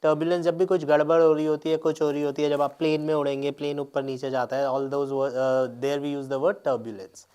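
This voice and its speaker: A man's voice: a little high, flat delivery, moderate pace, few pauses, warm tone, clear, resonant tone. Man explaining exam answers step by step. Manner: explains step by step, mixing Hindi and English, with frequent check-ins. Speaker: teacher. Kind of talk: exam paper explanation lecture.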